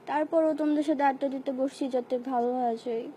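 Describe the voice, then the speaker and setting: Hoarse young woman chatting with viewers. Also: sits high, steady tone, a little fast, warm tone, a little hiss or hum. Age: young adult. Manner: chatty, playful, mixes English phrases into casual replies. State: hoarse, sore throat. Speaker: live-stream host reading viewer comments. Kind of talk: casual live chat answering comments.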